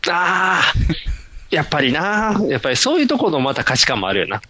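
A man with a Kansai accent chatting casually as podcast co-host, his voice bright and ringing. His pitch swings widely as he reacts, easygoing and quick to laugh. Dry, close recording with no room sound. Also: huge pitch swings, no echo. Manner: easygoing, laughing, lots of backchannel nods. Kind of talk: casual chat.

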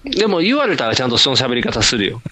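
Lively Kansai man chatting. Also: medium pitch, fast talker. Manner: easygoing, laughing, lots of backchannel nods. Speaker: podcast co-host. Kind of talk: casual chat.

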